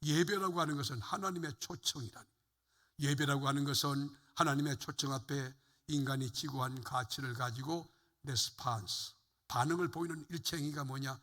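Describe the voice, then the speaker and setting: A man's voice: mid-range voice, normal speed, pushed and bright. An older man, a pastor, preaching a fervent sermon to his congregation in a church sanctuary. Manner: fervent preaching, rising and falling emphasis, addresses congregation. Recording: long hall reverb.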